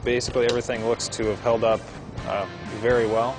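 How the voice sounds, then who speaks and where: Flat-toned man demonstrating parts. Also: medium pitch, fast, over music, poor audio. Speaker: engineer. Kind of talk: showing and explaining parts.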